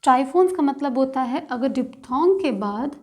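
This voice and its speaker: High-voiced woman teaching shorthand slowly. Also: animated, a little mellow. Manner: slow, patient, spells out sounds one by one. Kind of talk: step-by-step instructional lesson.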